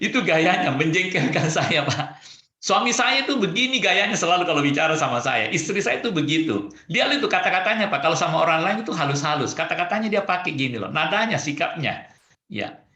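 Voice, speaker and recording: A man coaching over a video call, animated and acting out quoted lines. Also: fairly high pitch, fairly quick, roomy sound.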